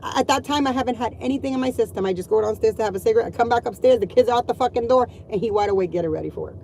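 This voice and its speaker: A woman's voice: on the high side, very fast, creaky, dark tone, a little hiss or hum, low-quality recording. A middle-aged woman and mother venting to her viewers in a blunt, profane, exasperated rant. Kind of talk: ranting vlog monologue.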